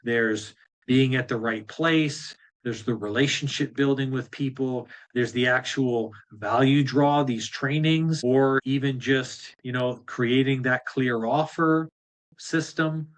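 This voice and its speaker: A man leading a live group coaching session in a blunt, fired-up way. He talks straight at his listeners and swears casually, with a voice of middling pitch. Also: slow. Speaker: business coach.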